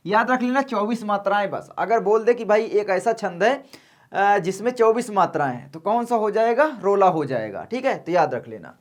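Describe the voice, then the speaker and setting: A man teaching an exam-prep lesson in a calm, slow, soft-spoken way, repeating key points and speaking to his students kindly. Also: high-pitched.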